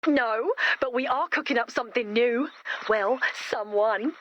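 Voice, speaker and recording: A woman plays an eager young girl inventor in an animated video game, enthusiastic and emphatic, and cheerfully matter-of-fact about macabre subjects. Her voice sits on the high side and moves unhurriedly, with lightly acted delivery. The audio is dull, with a little hiss or hum.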